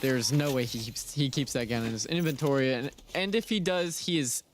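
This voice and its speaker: A man giving relaxed, rambling play-by-play commentary on a college esports match. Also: medium pitch, brisk, a little hiss or hum. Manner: relaxed, rambling, filler-heavy. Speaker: esports caster. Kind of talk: casual game commentary.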